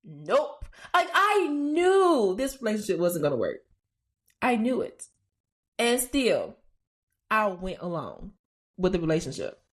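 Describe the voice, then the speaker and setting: A woman's voice: mid-range voice, huge pitch swings, takes it slowly. A woman hosting a faith-based podcast, talking casually and expressively, laughing often and dropping slangy asides. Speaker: podcast host.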